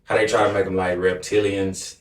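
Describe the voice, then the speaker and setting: A man's voice: sits low, flat delivery, brisk. A man co-hosting a podcast, laid-back and trailing off in casual chat. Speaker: podcast co-host. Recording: echoey room, distant mic, faint room noise.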